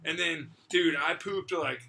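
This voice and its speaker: A young man with a bright, slightly high voice hosts a casual podcast chat. He tells his story with animated energy, laughs often, and keeps saying "dude" and "like". A faint hiss sits under the recording. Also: measured pace, gravelly. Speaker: podcast host.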